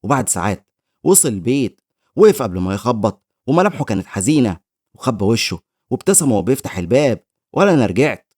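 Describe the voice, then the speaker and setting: A man's voice: medium pitch, very animated, darkish tone, no room sound, studio quality. A man with an Egyptian Arabic accent giving scripted recap narration of a story. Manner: rapid storytelling.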